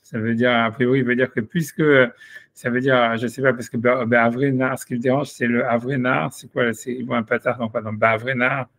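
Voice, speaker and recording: A man's voice: mid-range voice, level tone, normal speed, a bit bright. A man, a rabbi explaining a Talmud passage in an informal class, thinking aloud with many restarts and asides.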